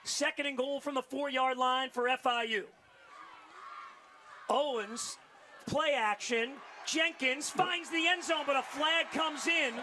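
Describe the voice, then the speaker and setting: A man doing live American football play-by-play, with shouted, excited touchdown calls. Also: extremely high pitch, slow pace, a little hiss or hum. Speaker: play-by-play commentator.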